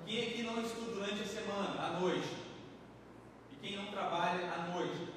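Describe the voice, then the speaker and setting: Heard from a distance in an echoey church hall, this male pastor from Brazil delivers his sermon at a normal pace, sounding fairly high-pitched for a man. His preaching is conversational and chatty, peppered with tag questions to the congregation, and a long reverb tail and constant room noise sit behind him.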